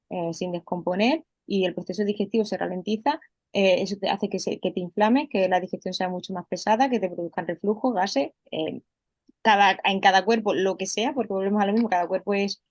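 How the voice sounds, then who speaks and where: A woman's voice: medium pitch, darkish tone, no room sound. A woman coach explaining things in a casual interview, with many fillers and restarts. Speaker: holistic health coach, guest. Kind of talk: conversational interview.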